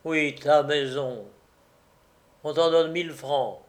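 A man doing a calm, insistent gamekeeper. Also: fairly high pitch, slow pace. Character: calm, stubborn male gamekeeper.

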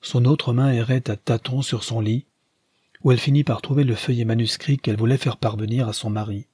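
A man narrating a classic novel in a measured, solemn audiobook reading. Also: mid-range voice, steady tone, mellow, slightly rough, no echo, studio quality.

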